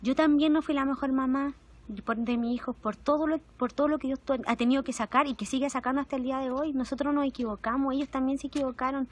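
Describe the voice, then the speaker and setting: Chilean lady giving a heartfelt sermon, kinda high voice, goes soft then lively. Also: fast talker. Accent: Chilean Spanish. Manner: intimate and emotional, shifting between soft and animated. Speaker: preacher. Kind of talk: testimonial sermon.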